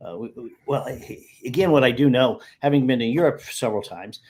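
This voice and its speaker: A man's voice: medium pitch, a little fast, a little mellow. A man, chatting over a video call as a guest, telling stories in a rambling way that circles back and corrects itself. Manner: rambling, self-correcting storyteller. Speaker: guest geocacher. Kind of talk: casual video-call chat.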